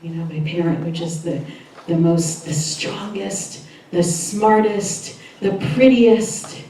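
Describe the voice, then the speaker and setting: A woman minister giving a chatty, lively sermon and laughing often as she talks with the congregation. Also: mid-range voice, slight background noise. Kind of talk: sermon with audience interaction. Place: church hall. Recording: echoey hall, voice from far off.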